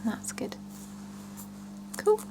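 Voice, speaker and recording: Heavy background noise sits behind a woman performing an ASMR roleplay as a salon attendant checking a client's scalp. Alternating between soft voicing and a breathy whisper, she talks to the client one-sidedly, slow, gentle, and reassuring, pausing with murmurs.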